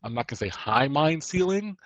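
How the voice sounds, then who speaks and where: A man's voice: a little high, big pitch swings, fairly quick, fairly bright tone, no room sound, low-quality recording. Rambling male podcast co-host. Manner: rambling, restarts sentences often. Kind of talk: casual chat.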